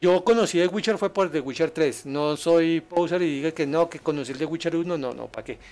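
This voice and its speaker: A man streaming a game live, chatting with viewers and yelping in excitement at enemies. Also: a little high, a little fast, faint music behind. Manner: excitable, yelps and laughs at danger, chats with viewers. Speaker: gaming streamer. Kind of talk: live gameplay commentary.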